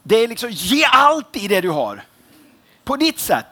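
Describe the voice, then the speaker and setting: Lively high-voiced young male preacher. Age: young adult. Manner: informal, joking, rambling with fillers. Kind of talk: casual sermon.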